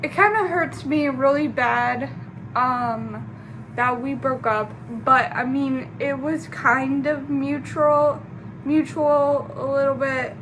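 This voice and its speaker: A young woman vlogging casually, rambling in a halting way with many fillers and restarts. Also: high-pitched, steady tone, background noise. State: sleepy, just woke up. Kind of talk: casual personal vlog.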